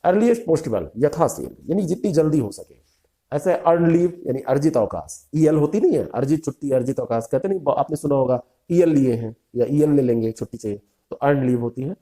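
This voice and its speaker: A man with a deep, very mellow, dark voice teaches vocabulary for an exam. He reads each English term, gives its meaning and repeats it, with short asides for his students. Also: animated, a little fast. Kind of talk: vocabulary lesson.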